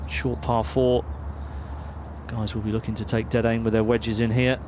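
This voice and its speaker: A man's voice: mid-range voice, level tone, moderate pace. A man giving golf commentary as a tournament commentator. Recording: noisy outdoor ambience behind voice.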